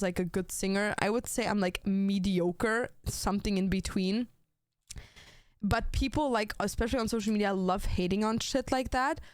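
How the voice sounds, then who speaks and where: A young German woman chats casually on her gaming stream, swearing heavily and saying "like" and "bro" constantly. Her voice is medium-pitched and clean, recorded in a clean studio with no echo.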